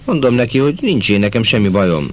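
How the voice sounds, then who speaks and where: A man voicing a cheerful, talkative young peasant soldier in a lively, folksy way. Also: medium pitch, pitched above the performer's own voice, close to an everyday voice.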